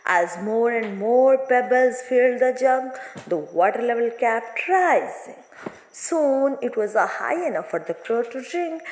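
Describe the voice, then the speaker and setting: A teacher with a slightly high voice explains a moral story to her students, speaking in hesitant phrases with non-native English grammar. The recording is reverberant and echo-heavy, made in a room with long reverb.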